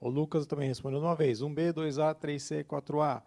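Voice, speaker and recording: A man's voice: fairly high pitch, fairly even intonation, fairly quick, darkish tone. A man co-presenting an online lesson. He lists the students' answers in a matter-of-fact way and translates the questions. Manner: translates the English questions into Portuguese.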